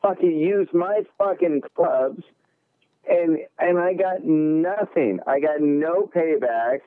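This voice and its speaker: Trading profane jokes as he calls in, this regular co-host is a man in his forties with a highish voice and a slow delivery. The tinny phone line has no room sound.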